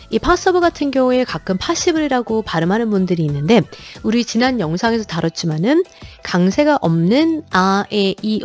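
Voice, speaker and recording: A woman gives a video lesson on English pronunciation, her pitch rising and falling with animation. She slows down to repeat example words one by one. Soft music plays faintly behind her. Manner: lively, demonstrates English words slowly and repeatedly.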